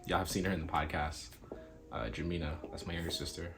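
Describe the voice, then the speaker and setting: A man's voice: deep voice, fast, music in the background. A man, introducing himself casually in a laid-back, rambling way. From Queens, New York. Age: early 20s. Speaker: podcast host.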